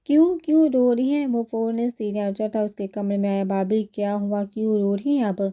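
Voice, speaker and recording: A woman's voice: medium pitch, level tone, mellow, dull audio, lightly acted. A woman voicing an anxious young man who pleads for answers in a read-aloud novel. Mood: worried. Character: carefree young man, worried brother.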